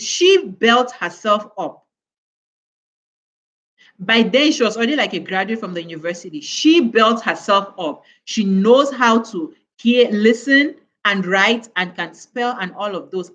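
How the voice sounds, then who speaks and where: A woman's voice: medium pitch, lively intonation, a little slow, fairly bright tone. A woman from West Africa giving an earnest motivational talk to mothers on a live stream, full of rhetorical questions. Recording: dull, lo-fi sound.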